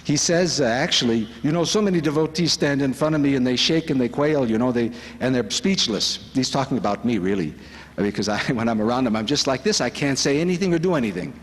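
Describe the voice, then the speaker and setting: A man's voice: medium pitch, animated, brisk. Earnest man speaking in a reverberant hall. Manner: earnest, reflective storytelling. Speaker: speaker at a spiritual retreat. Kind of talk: devotional talk. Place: conference hall.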